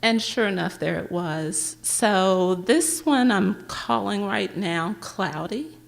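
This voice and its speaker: A woman reading her own poems aloud at a public library event, with a measured, gentle recitation. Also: medium pitch, creaky.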